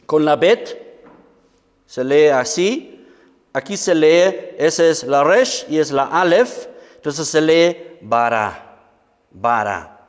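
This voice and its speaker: A man preaching a Bible teaching, explaining patiently and often checking with his listeners, reading scripture slowly and with emphasis. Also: fairly high pitch. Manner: explanatory, asks the audience often. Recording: reverberant hall.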